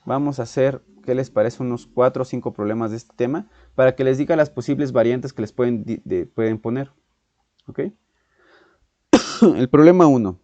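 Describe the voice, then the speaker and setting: A man with a Mexican accent teaching a physics exam-prep lesson, thinking aloud with halting restarts, frequent "ok?" and clearing his throat. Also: medium pitch, dark tone, no echo. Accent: Mexican Spanish. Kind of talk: exam-prep lesson working through problems. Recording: muffled, dull sound in a dry room.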